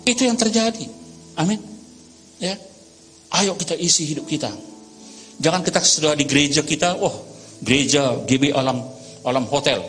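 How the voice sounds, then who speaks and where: A pastor, preaching a sermon in a lively storytelling manner with acted voices. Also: male voice, on the high side, moderate pace, pauses often. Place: large church hall. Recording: reverberant church hall with music.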